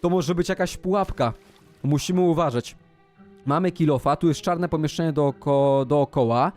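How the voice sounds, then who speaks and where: A man hosting a gaming channel, giving excitable game commentary, gasping and shouting as he plays and talks to his pet dog. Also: on the high side, normal speed, soft background music.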